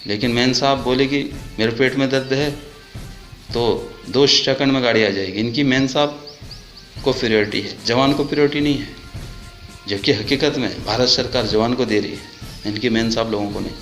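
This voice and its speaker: Angry male soldier, mid-pitched, ranting with rhetorical questions, echoey room and faint music behind. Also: normal speed, fairly bright tone. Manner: indignant, hammering rhetorical questions. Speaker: soldier speaking out. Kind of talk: impassioned protest monologue.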